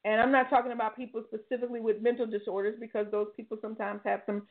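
A woman's voice: fairly high pitch, flat delivery, very fast. An older woman hosting a talk show, giving preachy, folksy motivational advice and repeating her key phrases. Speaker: talk show host and life coach. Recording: tinny phone-like line.

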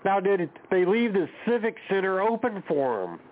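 A high, sing-song male voice at normal speed hosts a casual talk show, steadily steering the conversation and questioning a guest. As a podcast host, he keeps it chatty and interview-like, heard over a tinny, phone-like line.

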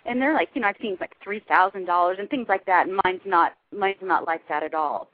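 A brisk, mid-range female voice belongs to a Southern California woman in her forties appearing as a guest life coach on a radio interview. Heard over a phone line with no room sound, she chats, laughs, and explains.

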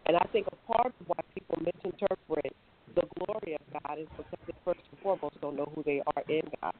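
A man speaking earnestly as a minister over a video call whose connection keeps breaking up, with halting restarts. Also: a little high. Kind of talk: faith talk on a video call. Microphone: remote video call. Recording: breaking-up phone-like call line.

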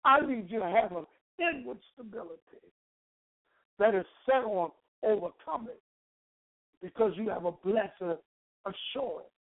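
Hoarse frog-voiced preacher, croaky fry, deliberate emphatic sermon, rhetorical repeats, thin phone-like recording. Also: mid-range voice, lively intonation. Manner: emphatic, deliberate phrasing in short bursts. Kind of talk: teaching sermon with rhetorical repetition. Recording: narrow, phone-like sound.

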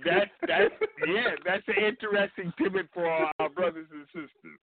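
A man's voice: high-pitched, lively intonation, moderate pace, phone-quality sound, crowd noise. A man chatting and explaining casually as a show panelist, repeating phrases for emphasis. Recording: band-limited line with clear noise.

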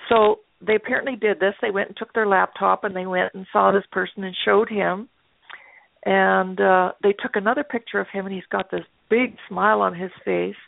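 Older lady telling a story, chatty lotsa ums, really gravelly voice, dry tinny phone sound. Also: medium pitch, steady tone, normal speed, no room sound. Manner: chatty, anecdotal, frequent fillers. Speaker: guest artist. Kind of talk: casual interview storytelling. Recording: tinny phone-line audio.

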